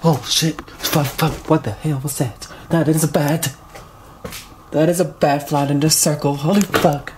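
Filming a solo night vlog, a man in his late twenties explores an abandoned house in search of the paranormal, speaking low to his handheld camera in a steady, slightly slow tone. The camera mic picks up noisy sound.

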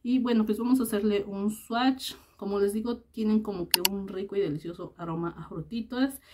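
A young adult woman with a mid-pitched voice hosts a casual beauty review vlog, addressing her viewers directly. She talks in a relaxed, chatty way, with plenty of fillers and affectionate diminutives. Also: a little fast, noisy background. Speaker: beauty vlogger.

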